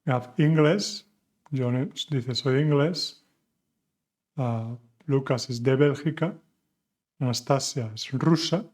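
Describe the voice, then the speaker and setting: This male Spanish teacher speaks slowly with a medium pitch and a darkish tone, pausing often. He leads a beginner lesson with patience, asking questions and supplying the answers, switching between English and Spanish.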